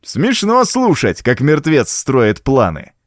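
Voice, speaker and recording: A man's voice: medium pitch, big pitch swings, moderate pace, no room sound, studio quality, close to an everyday voice. A man voicing a scornful, cunning male woodsman in an audiobook, with a taunting, contemptuous manner. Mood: mocking. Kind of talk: audiobook character voice.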